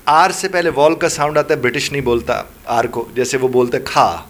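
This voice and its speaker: Middle-aged man explaining like a teacher. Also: mid-range voice. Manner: explaining, lecturing with examples. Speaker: English teacher and IELTS tutor. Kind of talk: interview answers.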